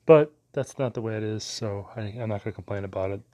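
Male vlogger, lowish voice, loose meandering casual talk, lots of fillers. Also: fast talker, darkish tone. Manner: meandering, many fillers, mild cursing. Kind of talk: casual rambling monologue.

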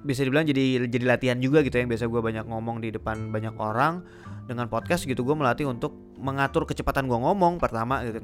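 A young man with Jakarta slang hosting a casual solo podcast, talking fast with many filler sounds. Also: mid-range voice. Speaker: podcast host.

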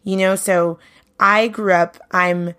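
Her pitch is medium and her intonation fairly even, delivered at a slow pace with a sharp edge. This young Brooklyn woman, a podcast host who also sings and leads a band, rambles through a casual solo monologue in a chatty, upbeat way, full of "you know"s.

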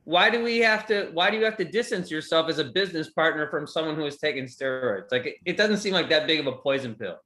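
Joking podcast co-host, man, high bright voice, echoey room. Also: expressive, fast talker, few pauses. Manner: joking, teasing. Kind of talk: casual chat.

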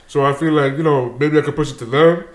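A young New Jersey man of Dominican and Peruvian heritage, a show creator appearing as a guest, talks fast and energetically in a fairly high, steady voice. His casual, slangy interview speech is sprinkled with Spanish words, and the sound is roomy.

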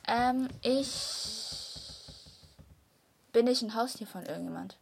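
A woman's voice: a little high, slow pace, vocal fry, a little hiss or hum. A young woman chatting casually in a guessing game, teasing and playful. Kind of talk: casual chat.

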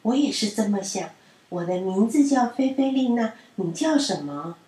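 A woman voicing a small female butterfly in a children's story, soft and plaintive. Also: mid-range voice, lively intonation, moderate pace, echoey room, natural voice, low-quality recording. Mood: friendly.

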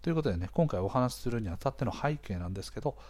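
Male explainer host, mid-pitched, slightly hoarse, conversational delivery aimed straight at the listener. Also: lively intonation, racing. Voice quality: hoarse, gravelly-sounding voice. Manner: conversational, explanatory, frequent soft interjections to the listener. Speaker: podcast host. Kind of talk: casual explainer talk to listeners.

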